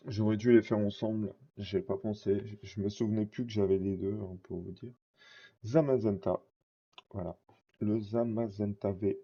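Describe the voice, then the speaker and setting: Chatting casually as he shows his card collection, a man rambles along with plenty of fillers and self-corrections. His fairly low voice is warm and husky, his throat is scratchy, and the sound quality is lo-fi.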